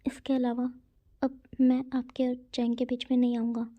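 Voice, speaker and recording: A woman voicing a shy young man student who speaks softly and hesitantly, stumbling over his words. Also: high-pitched, little pitch movement, moderate pace, vocal fry, no echo, voice pushed up. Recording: tinny phone-like dry sound.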